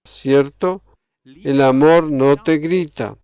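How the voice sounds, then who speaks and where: A man preaching a sermon in a slow, measured way, repeating key phrases for emphasis. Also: a little high, a little mellow, smooth.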